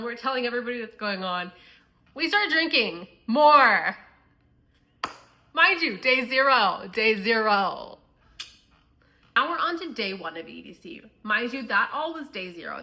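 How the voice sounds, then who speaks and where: Chatty young woman with a bright voice. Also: on the high side, animated, moderate pace. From US Midwest. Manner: chatty storytelling, filler-heavy. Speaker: vlogger. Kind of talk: storytime vlog.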